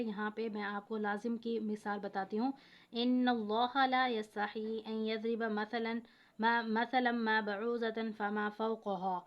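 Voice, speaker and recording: A woman teaching a religious reading lesson. She explains patiently and restates each point to make it clear. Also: on the high side, highs cut off. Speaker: Quran teacher.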